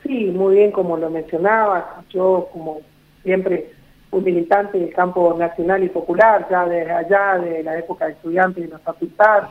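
A man's voice: sits high, fairly even intonation, normal speed. A man with an Argentine Spanish accent, an executive director speaking as a guest in a radio phone interview, reassuring and repetitive with many fillers. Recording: tinny phone line.

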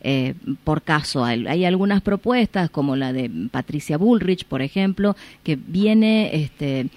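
An Argentine woman hosts a radio interview in a lowish voice. She asks long, hesitant questions full of fillers, and her voice sounds dry and close to the mic. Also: lively intonation, measured pace, a little mellow, dry recording. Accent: Argentine Spanish. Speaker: radio host.

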